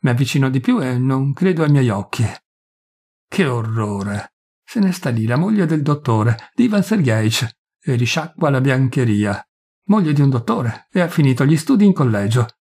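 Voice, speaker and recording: A tormented young village priest pours out his shame in pleading, self-accusing confessions, as a man reads him aloud. The voice is gravelly and husky. It suits a spoken-word story reading. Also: mid-range voice, big pitch swings, moderate pace, a little mellow. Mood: anguished. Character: poor young village priest, ashamed and anguished.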